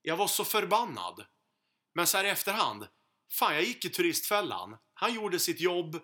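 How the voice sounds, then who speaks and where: A Swedish man in his thirties, co-hosting a podcast, tells an animated, profane anecdote during casual conversation. His voice is high.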